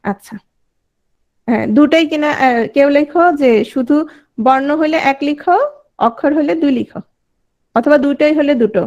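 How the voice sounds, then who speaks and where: A woman teaches an online class in a high voice. She keeps putting questions to her students, then repeats their answers as she explains. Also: normal speed, pauses often, darkish tone, lo-fi sound.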